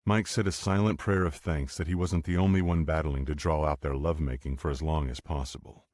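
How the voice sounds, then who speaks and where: A man reading an audiobook romance in a steady, unhurried narration. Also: rumbling low, no room sound, clean studio sound. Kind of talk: scripted narration.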